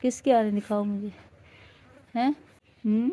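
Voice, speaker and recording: Woman, casual home vlog, worried, keeps asking questions, repeats herself, mid pitch, warm mellow tone. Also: fairly even intonation. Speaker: vlogger's wife.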